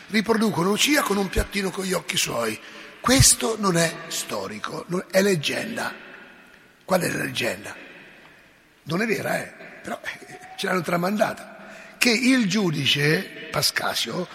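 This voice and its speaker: Male preacher, bright, gravelly, storyteller who asks the congregation questions, echoey church. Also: sits high. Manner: animated storytelling, asks listeners directly. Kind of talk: sermon. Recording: echoey hall.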